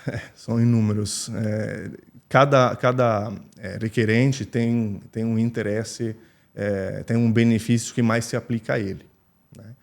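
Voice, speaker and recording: A man's voice: on the low side, fairly even intonation, a little slow, gravelly. A man whose first language is Italian, a company founder answering interview questions in an explanatory way, with frequent fillers and restarts.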